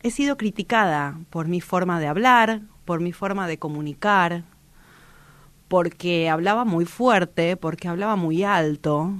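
A woman's voice: on the low side, measured pace, a bit bright, no echo. Strong-voiced woman radio host. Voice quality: strong, powerful voice. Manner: direct and vehement, many restarts. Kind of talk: reflective motivational talk.

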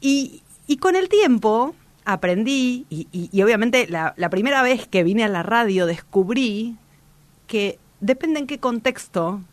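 A woman's voice: a little high, lively intonation, measured pace, no room sound. A woman radio host, giving a reflective motivational talk in a strong, powerful voice, direct and vehement with many restarts.

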